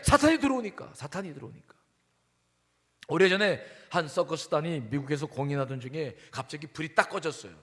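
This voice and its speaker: A male pastor preaching a sermon emphatically, questioning the congregation and moving between loud and hushed delivery. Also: sits high. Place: church sanctuary. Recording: long hall reverb.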